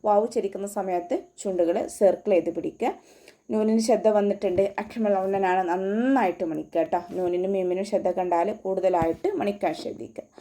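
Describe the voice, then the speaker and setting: A woman's voice: steady tone, dark tone. A woman teaching an online Quran recitation class, explaining pronunciation rules patiently. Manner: explains slowly, then recites the verses in a high, drawn-out chant.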